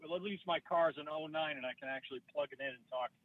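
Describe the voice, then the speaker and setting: A man's voice: a little high, fast, no echo. A stand-up comedian guest calling in by phone from his car, joking and self-deprecating, heard over a dull, lo-fi line. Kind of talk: casual podcast chat by phone. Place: parked car. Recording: muffled lo-fi phone call.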